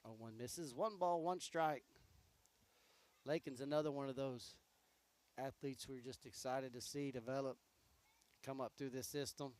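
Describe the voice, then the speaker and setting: A man calling high school softball play-by-play, easygoing and chatty between pitches, his voice going hoarse. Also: unhurried, long pauses. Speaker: play-by-play announcer.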